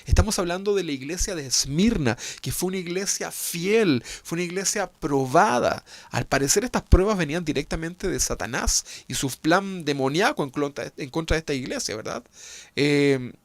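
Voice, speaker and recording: A man's voice: a little high, lively intonation, moderate pace, no echo. Emphatic Chilean preacher man. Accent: Chilean Spanish. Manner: emphatic, rhetorical, constant tag questions. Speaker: pastor. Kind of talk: sermon.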